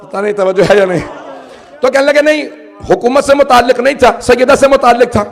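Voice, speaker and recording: A man delivering an impassioned sermon, building to shouted climaxes, then dropping into a hushed, grieving tone. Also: extremely high pitch, quick pace, creaky, big-room sound. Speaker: preacher.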